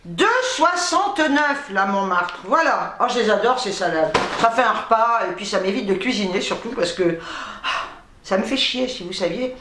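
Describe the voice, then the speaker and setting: A middle-aged woman chatting casually to camera as a vlogger, self-mocking, talking fast and tripping over her words. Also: medium pitch, noisy background. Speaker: vlogger showing a grocery haul. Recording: echoey room.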